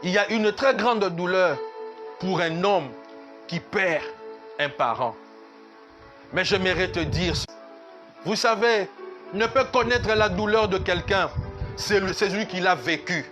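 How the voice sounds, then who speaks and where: A man's voice: high-pitched, unhurried, pauses often, over music. A man pastor, preaching a sermon at a church service in an emphatic, repetitive way that slips into sung lines.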